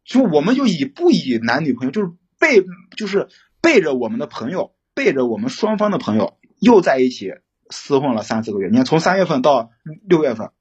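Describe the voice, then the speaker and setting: A young man calling in for relationship advice, telling his story in a rambling, halting way with many restarts. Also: fairly high pitch, sing-song, breathy edge, highs cut off. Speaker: caller seeking relationship advice. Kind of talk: casual phone-in storytelling.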